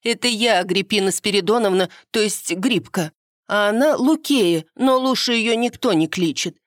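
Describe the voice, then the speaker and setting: A woman reading an audiobook, voicing a small, older peasant woman with a squeaky voice who is excitable and tearful. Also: moderate pace, dry recording, studio quality, lightly acted. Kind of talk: audiobook character voice.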